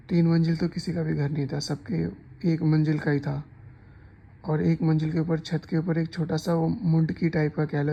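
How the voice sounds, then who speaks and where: Gravelly, flat-voiced man telling a story. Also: fairly high pitch, muffled recording. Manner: rambling, chatty, with restarts and asides. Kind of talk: casual storytime narration.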